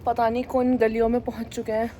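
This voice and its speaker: Filming herself on a phone while out in the city, an Indian vlogger in her youth keeps up casual, joking chatter. Her slightly high, mellow voice stays level and moves quickly, captured in low-quality audio with faint street sounds around her.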